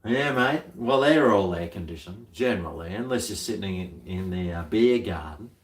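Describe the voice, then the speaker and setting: A middle-aged Australian man hosts a livestream, chatting casually in a laid-back, blokey way packed with slang. His voice is low-pitched with lively intonation and a moderate pace, and the sound is roomy and echoey.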